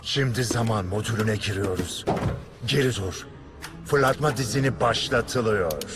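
A man's voice: fairly low pitch, a little slow, lightly acted. A man playing a big, self-serious, deluded turkey commando in a cartoon dub, making dramatic military pronouncements. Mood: solemn, commanding. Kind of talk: Turkish cartoon dub acting. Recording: film soundtrack with music underneath.

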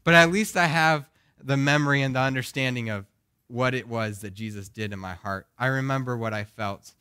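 A man's voice: medium pitch, normal speed, pushed and bright, smooth, no echo. Young guy preaching, groggy voice, earnest, keeps asking the church questions, dry close sound. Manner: earnest, asks the congregation questions. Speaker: pastor. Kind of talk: sermon.

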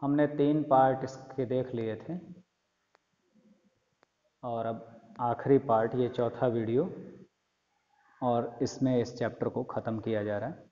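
Man, teacher, slow careful reading of text, patient explanations, dark mellow tone, dull lo-fi sound. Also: medium pitch, fairly even intonation. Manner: reads the English text aloud very slowly, then explains it in detail. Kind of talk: classroom lecture explaining an English textbook chapter in Hindi. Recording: lo-fi recording with long echo.

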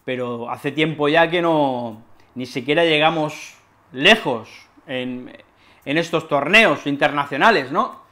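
A Spanish teacher from Spain with a peninsular accent, who teaches by acting out an excitable football fan. He swings between cheering shouts and nervous muttering. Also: fairly high pitch, slow.

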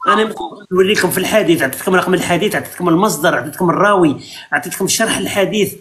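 Algerian live host, high voice, rattles off arguments very fast, lecturing tone. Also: male voice, a bit bright, a little hiss or hum. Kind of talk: heated live debate.

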